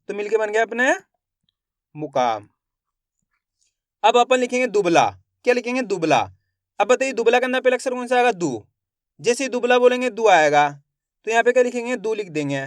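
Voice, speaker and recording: High-voiced man spelling out words slowly. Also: dry recording, studio quality. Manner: slow, drawn-out spelling of syllables, repeating each word. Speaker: Hindi writing teacher. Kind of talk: syllable-by-syllable spelling lesson.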